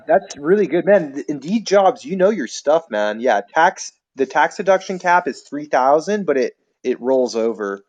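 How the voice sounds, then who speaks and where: A man's voice: medium pitch, a little mellow, highs cut off. A man hosting a livestream, chatting casually and reading viewer comments aloud. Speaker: livestream host.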